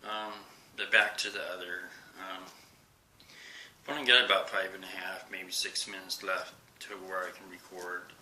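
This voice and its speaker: A man in his forties speaking to a camera in a personal vlog, halting with many pauses and fillers, sometimes dropping to a soft whisper. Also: sits low, flat delivery, a little hiss or hum, poor audio. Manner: drops to a soft whisper at times. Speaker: vlogger. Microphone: camera he faces while recording.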